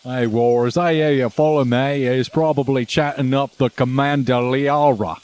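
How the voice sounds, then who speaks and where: A man voicing a friendly fort guard who rambles in a halting way and keeps saying "hey" and "uh.". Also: medium pitch, fairly even intonation, darkish tone, pitched above the performer's own voice, natural voice. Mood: folksy, eager. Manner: chatty and halting, full of "hey" and "uh".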